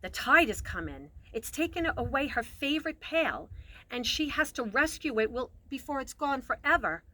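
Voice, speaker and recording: With a high voice and a moderate pace, a woman reads a children's picture book expressively, emphasizing key words and changing her volume. The low-quality recording has no echo but clear background noise.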